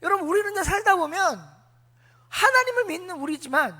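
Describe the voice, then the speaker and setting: A woman's voice: very high voice, sing-song, a little fast, sharp tone, long reverb tail. A woman preacher giving a sermon who asks the congregation questions, answers them herself, and acts out biblical figures in casual speech. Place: church sanctuary.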